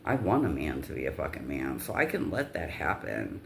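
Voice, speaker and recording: A woman's voice: extremely low pitch, sing-song, normal speed, creaky, slight background noise. A woman telling a personal story in a casual vlog rant, with blunt, profanity-heavy delivery.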